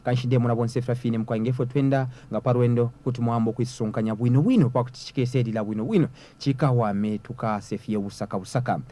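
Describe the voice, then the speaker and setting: A man's voice: mid-range voice, dark tone. A man with a Zambian accent, hosting and presenting a programme. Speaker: radio-style programme host.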